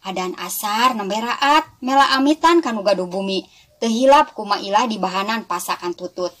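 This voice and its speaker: Here a woman from Sundanese-speaking West Java, whose voice is mid-range and slightly bright, reads a scripted tale for kids at a moderate pace. She narrates expressively, as though entertaining an audience of small children.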